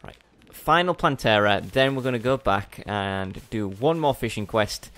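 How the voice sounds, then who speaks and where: A man's voice: fairly low pitch, lively intonation, unhurried, a bit bright, no echo. A young man giving casual gameplay commentary as a let's play host, chatty and rambling, often correcting himself mid-sentence.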